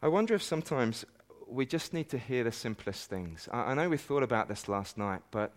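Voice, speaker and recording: Earnest preacher building to emphatic peaks. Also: male voice, medium pitch, expressive, a little fast. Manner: earnest, building to emphatic climaxes with self-deprecating asides. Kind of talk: sermon. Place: conference meeting hall.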